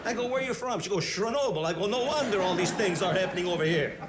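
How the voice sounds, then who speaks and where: An actor playing a chatty Italian bandleader who rambles with many fillers and halting restarts, in an Italian accent. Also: male voice, high voice, animated, crowd noise. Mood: rambling. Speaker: band leader.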